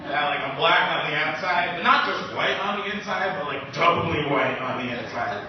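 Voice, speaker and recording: A young man from Maine talks through a nervous first stand-up set, rambling, restarting and filling gaps with "like". His voice sits high and swoops widely, heard from a distance in a very echoey room. The lo-fi recording has steady hiss underneath. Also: normal speed. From Maine, USA. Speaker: stand-up comedian. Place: small comedy club stage. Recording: echoey club audio, lo-fi, from afar.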